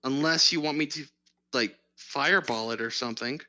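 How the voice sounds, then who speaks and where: A player in a tabletop game who thinks aloud, musing slowly through options in casual chat. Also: medium pitch, bright, forceful tone.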